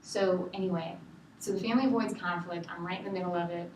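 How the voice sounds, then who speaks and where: A woman in a counseling session, telling a story in an animated, exasperated way and acting out other people's lines. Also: fairly low pitch, fast. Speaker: counseling client. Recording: echoey room, mic at a distance, clear background hiss.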